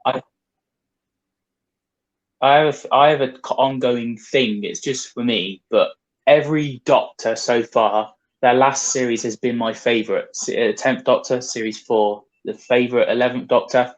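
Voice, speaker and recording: Guy guesting on a podcast, pretty monotone, lots of ums. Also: medium pitch, muffled recording. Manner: measured, hesitant, with many ums and restarts. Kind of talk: casual chat.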